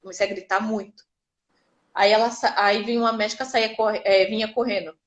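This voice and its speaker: A woman's voice: medium pitch, fairly even intonation, a little fast, muffled recording. A Brazilian woman telling her birth story casually and vividly, acting out the people she quotes. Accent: Brazilian Portuguese.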